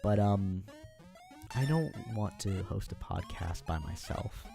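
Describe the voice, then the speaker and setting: A man's voice: fairly low pitch, lively intonation, slow, creaky, over music. An American man chatting on his own during a livestream, rambling and self-deprecating with plenty of fillers. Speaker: streamer.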